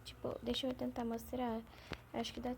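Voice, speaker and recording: A woman hosting a gaming channel, talking through her gameplay in a chatty, rambling, excitable way. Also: a little high, normal speed, background noise. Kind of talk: gameplay commentary.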